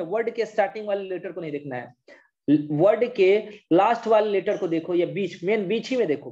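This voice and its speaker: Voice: medium pitch, a little mellow, dull audio. A teacher giving an online English class, repeating points over and over and switching between Hindi and English. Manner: repetitive drilling, mixes Hindi and English.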